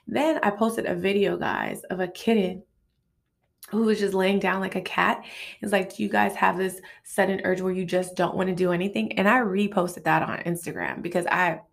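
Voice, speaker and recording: Late 30s woman doing a solo podcast from a bathroom, kinda low voice w lots of vocal fry, chatty and confiding. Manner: informal, confiding, conversational. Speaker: podcast host. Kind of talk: casual solo podcast monologue. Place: recorded in a bathroom.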